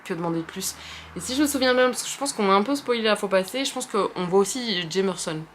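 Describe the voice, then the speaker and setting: A woman's voice: medium pitch, animated, fast, a little hiss or hum. Chatty young Frenchwoman rambling about books. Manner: rambling, many fillers and restarts; self-deprecating, chatty. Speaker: book video host. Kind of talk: casual chat about books.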